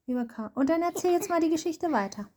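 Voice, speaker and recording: A woman gently guiding a child through a Bible story, prompting and encouraging in a casual storytelling manner. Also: very high voice, lively intonation, fast.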